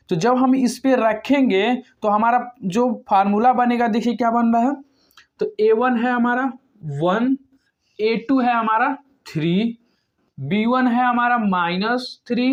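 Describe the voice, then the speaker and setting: Slow-spoken Hindi math teacher, lo-fi. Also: mid-range voice. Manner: asks and answers own questions; drawn-out pauses between words. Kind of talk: step-by-step whiteboard lesson. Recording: dull lo-fi recording.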